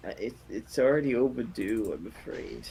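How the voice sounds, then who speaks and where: A man chatting casually on a game stream, hesitant and halting. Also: medium pitch, lively intonation, gravelly, dark tone. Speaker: stream co-player.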